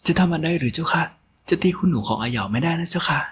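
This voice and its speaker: Audio-drama role: male narrator as a young maid, high-pitched, pleading and tearful. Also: fast, a bit bright, slight background noise. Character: young devoted servant girl, tearful.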